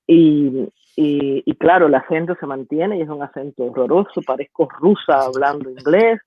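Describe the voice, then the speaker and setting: Cuban-accented woman guest, reflective and halting, dry phone-thin line. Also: low voice, dry recording, muffled recording. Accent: Cuban Spanish. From Cuba. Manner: thoughtful, with frequent restarts and hesitations. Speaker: guest, university professor and poet. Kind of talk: reflective storytelling interview.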